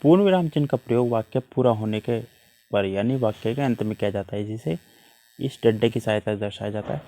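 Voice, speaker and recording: A man's voice: on the low side, a little fast, warm tone. A man teaching a worksheet lesson to children, patiently explaining with repeated examples.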